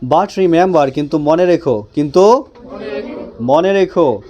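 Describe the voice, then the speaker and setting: A man teaching an English grammar lesson in class. He asks questions, answers them himself, repeats phrases slowly and drills his students. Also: on the high side, animated, dark tone, highs cut off, slight background noise. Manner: drills students with call-and-response.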